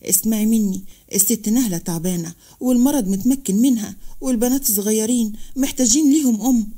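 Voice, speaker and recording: A woman's voice: on the high side, fast, mellow, natural voice. A woman voicing an older, persuasive housekeeper, with an Egyptian accent, in a narrated story. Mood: coaxing. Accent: Egyptian Arabic. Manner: coaxing.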